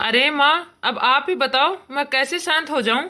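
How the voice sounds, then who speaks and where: A woman's voice: high-pitched, normal speed, sharp tone. A woman voicing an angry young husband in a cartoon, indignant and arguing. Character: angry young Indian husband, mother's son. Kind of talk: cartoon voice acting.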